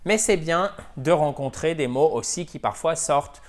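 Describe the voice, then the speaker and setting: A man's voice: on the high side, animated, normal speed. A man teaching English in a video lesson, drilling pronunciation by repeating words and checking in with "ok?". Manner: switches between French and English.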